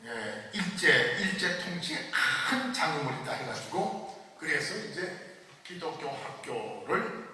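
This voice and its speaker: A man preaching a sermon as pastor, telling a story in an animated way and repeating key phrases for emphasis. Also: on the high side, slight background noise. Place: church sanctuary. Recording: echoey church hall, mic at a distance.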